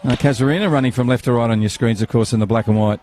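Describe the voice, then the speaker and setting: A man's voice: mid-range voice, fairly even intonation, very fast, darkish tone, slight background noise. A man, commentating live on a football match outdoors, chatty and rambling, with banter and fillers.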